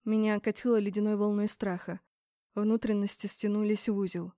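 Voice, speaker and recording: A woman's voice: mid-range voice, flat delivery, brisk, mellow, no echo, clean studio sound. A woman narrating a first-person fantasy audiobook in a tense, dramatic manner.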